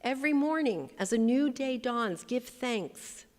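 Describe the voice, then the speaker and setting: A woman's voice: on the high side, expressive, a little slow, in a large hall. A woman pastor giving a sermon, speaking emphatically and leading the congregation in call-and-response. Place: church sanctuary.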